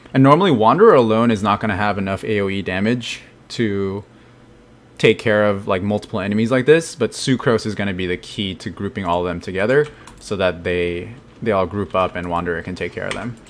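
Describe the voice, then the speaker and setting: Low-voiced man streaming gameplay. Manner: thinking aloud, casual, answering chat questions. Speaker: game streamer. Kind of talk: live gameplay commentary.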